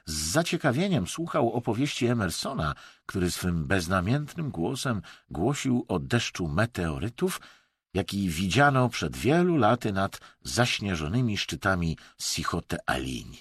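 A man narrating an audiobook in an expressive, measured way. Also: on the low side, slightly rough, dry recording, clean studio sound.

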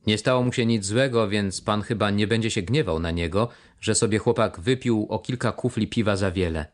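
Man playing a fawning old one-legged pirate, oily and obsequious, in a storybook, a touch higher than his low voice. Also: fairly quick, lightly acted. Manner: obsequious, wheedling politeness.

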